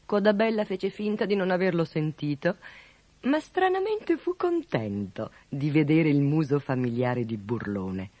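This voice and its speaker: A storyteller reading a children's fable aloud in an expressive, animated way. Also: mid-range voice, measured pace, dry recording. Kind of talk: scripted storybook narration.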